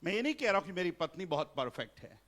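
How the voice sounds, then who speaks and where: A middle-aged pastor preaches a Hindi sermon in a church hall at a family seminar, his high, fairly bright voice very animated and quick. He works English phrases in and jokes with the congregation.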